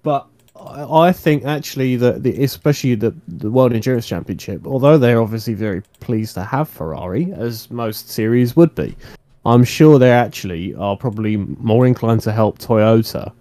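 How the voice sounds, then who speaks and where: A man's voice: medium pitch, animated, moderate pace, dark tone, no room sound. A man co-hosting a motorsport podcast, chatting casually with frequent hesitations. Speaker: podcast co-host. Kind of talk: casual chat.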